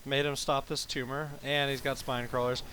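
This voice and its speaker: A man's voice: medium pitch, flat delivery, normal speed, sharp tone, slight background noise. Male game caster, mid-range voice, sleepy and easygoing, casual cursing. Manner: laid-back, rambling, swears casually. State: tired. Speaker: game commentator. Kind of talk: casual gameplay commentary.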